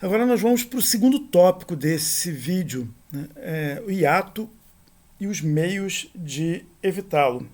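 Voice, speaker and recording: A middle-aged man teaching a recorded grammar lesson, patient and repetitive, often checking with a quick tag question. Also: sits high, lively intonation, darkish tone. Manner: patient, repeats points, frequent "né?" tag questions.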